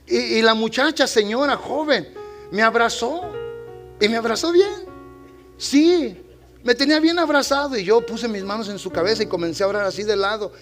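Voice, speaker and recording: A male pastor preaching a sermon in a church, swinging between loud exhortation and quiet storytelling. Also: very high voice, moderate pace, soft background music.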